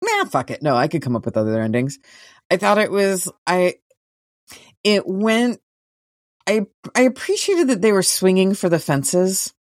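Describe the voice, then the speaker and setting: A woman co-hosting a podcast, chatting casually about TV shows in a relaxed way, now and then swearing. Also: medium pitch, unhurried, pauses often, dry recording, studio quality. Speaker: podcast co-host.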